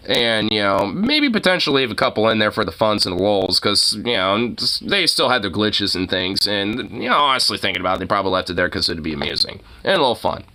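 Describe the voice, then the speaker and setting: A man with a fairly low but bright, forceful voice talks off the cuff like a streamer. He rambles and doubles back, swearing casually as he goes. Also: clear, resonant tone.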